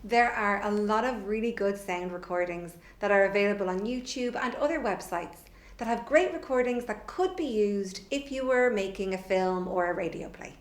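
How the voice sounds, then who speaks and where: A middle-aged woman presents a children's theatre workshop video, explaining things simply, leading warm-up exercises and encouraging along the way. She speaks in a mid-range voice at a moderate pace, indoors in a bare room at home with an echoey sound.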